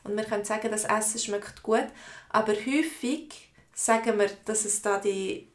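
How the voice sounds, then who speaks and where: A woman with a Swiss accent, teaching a live online language lesson, explaining words slowly and answering viewers' comments. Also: mid-range voice, roomy sound. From Switzerland. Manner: slow, explanatory, repeats words for learners.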